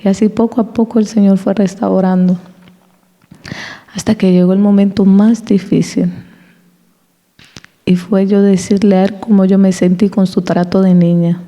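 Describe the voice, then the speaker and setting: Woman, church testimony, animated storyteller, warm dark tone, long hall reverb. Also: mid-range voice. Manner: animated storytelling, acting out quoted dialogue; laughs between anecdotes. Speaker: church speaker giving a testimony. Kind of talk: personal testimony in a church service.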